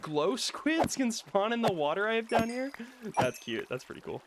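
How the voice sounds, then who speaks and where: A man streaming a video game and chatting casually, telling a rambling story where he gets worked up and then talks himself calm. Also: high-pitched, normal speed, background noise. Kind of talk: casual chat while playing a video game.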